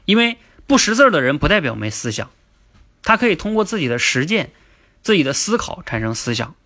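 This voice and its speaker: A man teaching a livestream class on public speaking, explaining step by step, asking and answering his own questions and repeating key definitions slowly. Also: fairly high pitch, sing-song, pushed and bright. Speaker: speaking coach. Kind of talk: livestream lecture.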